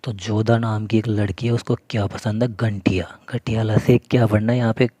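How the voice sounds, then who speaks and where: A man gives a mnemonic lesson in a low, flat voice. He calls listeners his friends, poses a question and answers it himself. The sound is dry and close, with a mellow tone. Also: a little fast, no echo. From Rajasthan, India. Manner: addresses viewers as friends. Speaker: exam coaching teacher.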